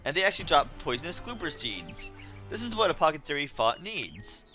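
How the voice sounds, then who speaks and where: Lively bright-voiced man narrating gameplay. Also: on the high side, fairly quick, faint music behind. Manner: chatty, wry and easily annoyed. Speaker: let's play host. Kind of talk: casual game commentary.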